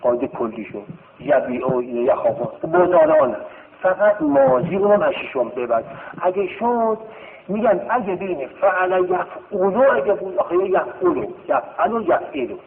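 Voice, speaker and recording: A man teaching grammar, chanting verb paradigms in a slow sing-song that swoops from high to low. His fairly high voice has a gravelly edge. It comes through thin and phone-like, with a long echo as though from a large hall. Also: sing-song, slight background noise. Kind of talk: classroom lesson, chanting verb conjugations. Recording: tinny phone-like sound in a reverberant hall.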